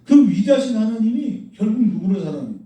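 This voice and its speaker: A man's voice: sits high, very animated, fast, warm tone. A man preaching a sermon as pastor, blunt and scolding, firing rhetorical questions at the congregation. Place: church sanctuary. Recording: echoey church hall, mic at a distance.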